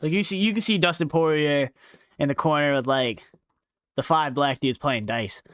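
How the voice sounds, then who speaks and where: A man's voice: on the high side, moderate pace, a bit bright, no room sound, studio quality. Profane young man riffing on fighters. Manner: profane, slangy, laughs often. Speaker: commentator. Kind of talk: casual commentary ranking fighters.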